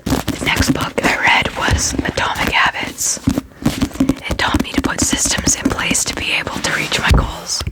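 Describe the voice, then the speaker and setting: A person whispering an ASMR talk about books in a breathy, unvoiced voice, sometimes repeating phrases. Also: measured pace. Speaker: ASMR creator.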